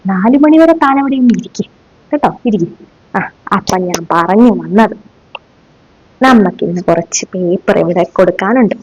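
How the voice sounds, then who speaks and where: A woman's voice: mid-range voice, animated, moderate pace, long pauses, a little mellow, slightly rough. A woman in a comic sketch playing a stern, sarcastic middle-aged female schoolteacher, who scolds her class with mocking rhetorical questions. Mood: scolding. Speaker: sketch comedian. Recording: dull dry lo-fi recording.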